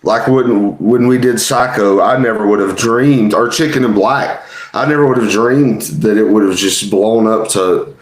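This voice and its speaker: A man's voice: lowish voice, moderate pace. A man chatting casually as a podcast co-host, conversational and reassuring in how he talks. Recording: roomy, echoey sound.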